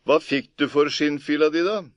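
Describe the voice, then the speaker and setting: A man's voice: on the high side, no room sound, pitched above the performer's own voice, close to an everyday voice. A man voicing a greedy older farmer brother who talks in an eager, pushy way.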